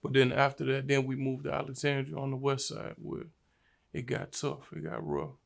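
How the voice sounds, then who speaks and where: A young male rapper from Virginia recounts his life story in a casual interview, using lots of slang. His gravelly voice is medium-pitched and monotone, and he talks at a normal speed with a laid-back manner.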